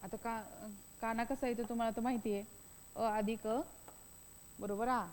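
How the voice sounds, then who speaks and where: A woman's voice: fairly high pitch, steady tone, a little slow, darkish tone, long reverb tail, a little hiss or hum, low-quality recording. A woman teaching a grammar lesson, repeating each point and asking questions that she answers herself. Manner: repetitive, asks and answers own questions.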